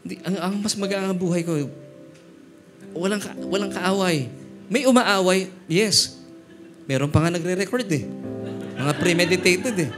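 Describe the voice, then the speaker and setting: A man's voice: high-pitched, normal speed, long pauses. A middle-aged Filipino man preaching a church sermon, telling funny stories as he switches between Tagalog and English. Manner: humorous storytelling, mixing Tagalog and English. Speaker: pastor. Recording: music playing behind the voice. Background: guitar music.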